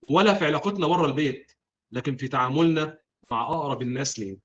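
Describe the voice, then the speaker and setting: A man with an Egyptian Arabic accent giving scripted, earnest religious advice, speaking directly to his listeners. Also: on the high side. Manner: earnest, addresses the audience directly. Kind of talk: scripted preaching narration.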